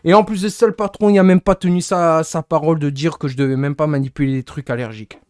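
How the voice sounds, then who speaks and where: A man's voice: fairly high pitch, steady tone, quick pace, a little mellow, no echo, studio quality. A young man venting to his stream chat in a rambling, annoyed way, often searching for words. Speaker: livestreamer.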